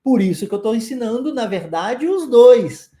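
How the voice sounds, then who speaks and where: A Brazilian man teaches English in a lively, chatty way, repeating phrases for practice. His voice is mellow and dark. It is recorded in an echoey room. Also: very high-pitched, normal speed. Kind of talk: online English lesson in Portuguese.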